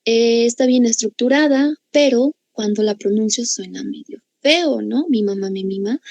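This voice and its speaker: A woman's voice: on the high side, unhurried, vocal fry, a little mellow, no room sound, rough recording. Patient woman teaching grammar, Bolivian accent. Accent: Bolivian Spanish. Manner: patient, explanatory, checks in with students. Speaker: language teacher. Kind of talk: online grammar class.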